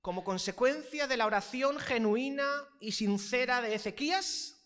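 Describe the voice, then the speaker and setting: High-voiced, emphatic male preacher. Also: moderate pace, fairly bright tone. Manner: emphatic, repeats phrases, asks the congregation rhetorical questions. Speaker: pastor. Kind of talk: sermon.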